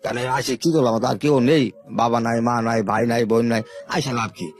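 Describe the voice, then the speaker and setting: An older man from Sherpur, Bangladesh, tells his life story as an interview guest, talking fast in a mid-range voice. His style is unhurried, rustic storytelling in which he repeats words.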